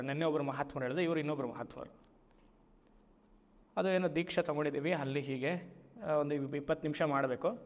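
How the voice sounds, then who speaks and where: A man, a spiritual teacher giving a Vedanta discourse, who stretches key phrases slowly and keeps asking his listeners rhetorical questions. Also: a little high, big-room sound. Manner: slow, drawn-out emphatic phrases and frequent rhetorical questions.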